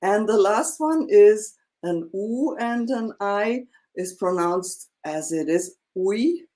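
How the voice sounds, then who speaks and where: A woman teaching a one-on-one language lesson, explaining slowly with many fillers and checking in with "yeah?". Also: mid-range voice, expressive, warm tone. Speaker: German teacher.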